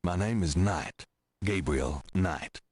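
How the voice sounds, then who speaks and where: An actor playing a cool, inquisitive adventure game hero with a casual drawl. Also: male voice, sits low, slow, a little mellow, husky, heavily acted. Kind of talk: video game voice acting.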